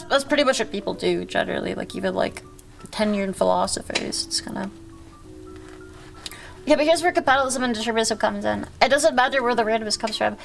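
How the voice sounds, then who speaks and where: Woman, gravelly fry, slightly high voice, casual streamer chatter, rambling and self-interrupting, sweary slang. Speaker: livestream host. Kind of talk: casual livestream chat with viewers.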